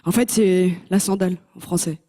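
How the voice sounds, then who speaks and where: A woman's voice: fairly low pitch, normal speed. Young woman doing stand-up on stage. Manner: lively, teases the audience. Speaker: stand-up contestant. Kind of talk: stand-up comedy routine. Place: TV talent show stage. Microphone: handheld mic.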